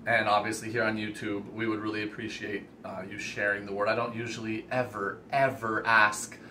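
A male vlogger in his 20s or 30s, who hosts and organizes a reptile expo, makes a casual announcement to camera. His voice is lowish yet bright, a little fast, eager, sincere and enthusiastic. He's filmed in an indoor room lined with reptile racks, with steady ambient room noise in the background.

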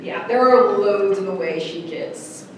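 A woman's voice: medium pitch, measured pace. A woman moderating a convention panel, joking and playful as she sets the rules and asks for examples. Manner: playful, joking, laughs often. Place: large echoey convention room. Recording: echoey hall recording from far off, with noise.

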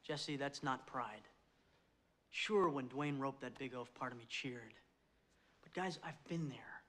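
An American actor in his thirties playing an earnest youth hockey coach giving an emphatic, deliberate halftime pep speech in a film. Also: a little high, bright, forceful tone, husky. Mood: earnest, sober. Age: 30s. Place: locker room. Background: film score music.

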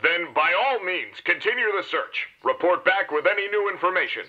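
A man voicing a brisk, official police inspector cat in a children's cartoon. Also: high voice, lively intonation, muffled recording.

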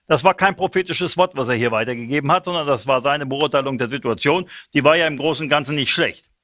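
A man preaching a sermon, emphatic and animated, acting out the lines he quotes. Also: mid-range voice, quick pace, dry recording, clean studio sound.

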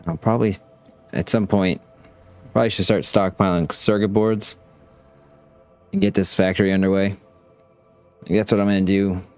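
The audio is clean, and the man's voice sits on the low side with a darkish tone. He hosts a gaming channel, offering offhand commentary on his factory-building game and reasoning out loud as he reviews production.

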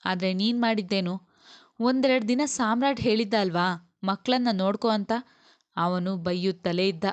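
A woman's voice: lowish voice, steady tone, unhurried, clear, resonant tone, dull audio, close to an everyday voice. A woman reading as a blunt male friend. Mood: scolding. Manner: blunt, lecturing. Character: stern loyal male friend, scolding on the phone.

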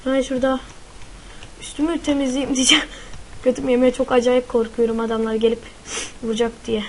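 A woman's voice: high voice, level tone, a little fast, rough recording. A woman commenting live on her own gameplay, easily frightened and swearing freely as she plays. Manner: frightened, swears a lot, shrieks in panic. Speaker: gaming YouTuber.

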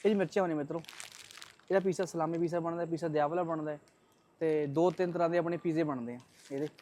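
Male vlogger, Punjabi accent, higher-pitched voice, rapid chatty delivery to camera. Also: steady tone, warm tone, a little hiss or hum. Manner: chatty, addresses viewers as friends. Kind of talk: casual vlog narration to viewers.

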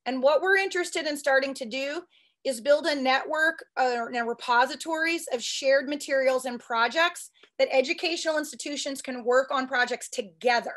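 A woman who is a statistics professor giving a quick, eager conference talk with frequent restarts. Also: high-pitched, a bit bright. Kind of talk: fast conference presentation.

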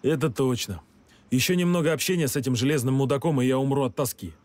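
An actor playing a gruff, sarcastic male security agent in a video game, sardonic and easily exasperated. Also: medium pitch, quick pace, darkish tone, close to an everyday voice. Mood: weary sarcasm.

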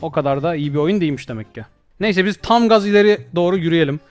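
High-pitched panicky male gamer. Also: quick pace, no echo, soft background music. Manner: panicky, jokey, yelps for help. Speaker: gaming YouTuber. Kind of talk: let's play commentary.

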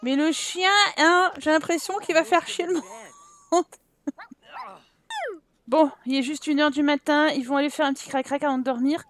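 A woman commenting on her life-sim game playthrough in a chatty, animated way, laughing often and exclaiming at what happens on screen. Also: high voice, normal speed, pauses often. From France. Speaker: gaming YouTuber. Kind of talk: Let's Play commentary.

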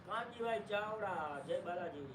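A man's voice: high voice, expressive, moderate pace. A man co-hosting a casual live stream, chiming in with short remarks. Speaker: co-host. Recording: echoey and distant, noisy room.

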